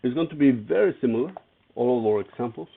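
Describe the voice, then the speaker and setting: A man's voice: mid-range voice, lively intonation, quick pace, vocal fry, husky. A man teaching an algebra lesson, walking through each step and asking his students questions as he goes. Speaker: math teacher. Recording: tinny phone-like lo-fi audio.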